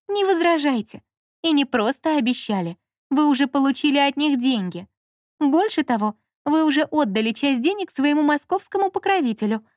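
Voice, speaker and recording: A scheming young con woman with a high, lively voice, played by a woman reader, pushing her marks with theatrical flair in this storybook. The sound is dry and close. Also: no room sound. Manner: theatrical, switching between cold pressure and gushing. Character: sly young woman swindler on the phone.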